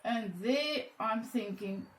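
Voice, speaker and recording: A woman with an Afrikaans accent and a fairly high voice teaches a casual step-by-step painting lesson, taking it slowly. She chats with viewers and calls out cheerful exclamations as she works, in an echoey room with faint background noise.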